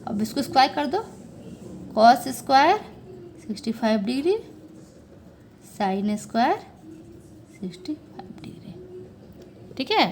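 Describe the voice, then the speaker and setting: A woman's voice: sits high, big pitch swings, measured pace, long pauses, darkish tone, slight background noise. A young woman maths teacher explaining step by step, talking to her students as children and checking they follow along. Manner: coaxing, checks understanding with frequent "okay"; addresses viewers as children.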